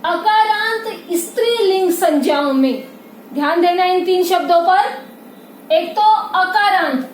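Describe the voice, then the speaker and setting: High-voiced woman teaching grammar, echoey room. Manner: patient, repeats points, calls students "beta", frequent check-ins. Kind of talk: classroom grammar lesson. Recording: echoey room with faint noise.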